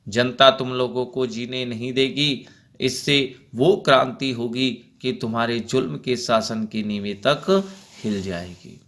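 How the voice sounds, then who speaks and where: A man's voice: medium pitch, a little slow, a bit bright. A man voicing a brave, defiant young male freedom fighter who answers back with fiery retorts, in a school play reading.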